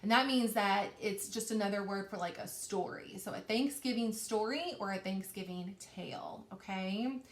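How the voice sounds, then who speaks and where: This woman speaks at a medium pitch and a moderate pace, with hardly any pauses. Like a teacher, she reads a storybook to children, drawing out important words and posing questions. The recording has an echoing, roomy indoor quality.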